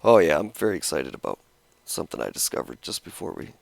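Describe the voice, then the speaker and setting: A man's voice: extremely low pitch, sing-song, quick pace, gravelly, a little hiss or hum. A man casually explaining how he edits his video, rambling and restarting his sentences with a cigarette in his mouth. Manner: rambling, self-interrupting, talking around a cigarette.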